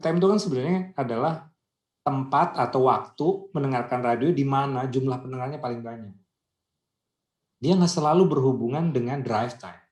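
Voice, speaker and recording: A man's voice: medium pitch, normal speed, darkish tone, echoey room. A man speaking as a guest on a radio-industry video call, chatty and explaining through anecdotes and rhetorical questions. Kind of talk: casual conversational discussion.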